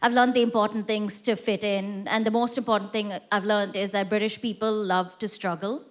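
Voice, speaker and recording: On a theatre stage before a live audience, a woman does stand-up through a stage mic, telling self-mocking jokes in a chatty, conversational style. Her voice is medium-pitched, her delivery flat and moderately paced.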